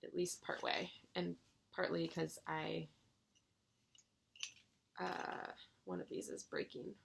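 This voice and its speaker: Gushing woman vlogger with gravelly voice. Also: low-pitched, slow, a little hiss or hum. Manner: gushing, excitable bursts; rambling, with fillers and restarts. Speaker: cross-stitch vlogger. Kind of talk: casual chat to viewers.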